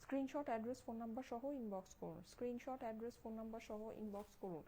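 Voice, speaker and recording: Young woman, Bangladeshi Bengali accent, hushed live-sale pitch, mellow voice, faint room hum. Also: very fast, poor audio. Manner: hushed so as not to wake a sleeping child; repeats her praise, checks in with listeners. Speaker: online clothing seller. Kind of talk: Facebook live sales pitch.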